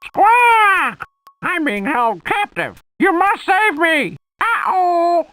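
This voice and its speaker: A woman voicing a small, frantic talking parrot with a shrill, squawking voice, in a video game. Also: very animated, very slow, a bit bright, dry recording, exaggerated voice. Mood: panicked. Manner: panicked pleading.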